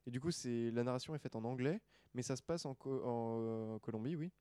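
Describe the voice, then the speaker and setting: A man's voice: medium pitch, brisk, warm tone, clean tone, no room sound. A man co-hosting a podcast in casual chat, talking hesitantly with many fillers and restarts. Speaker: podcast co-host. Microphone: desk microphone.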